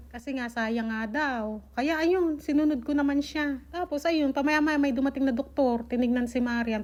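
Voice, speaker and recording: A young woman from the Philippines telling her viewers a personal travel story in a casual, animated way, acting out what people said to her. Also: fairly high pitch, muffled recording.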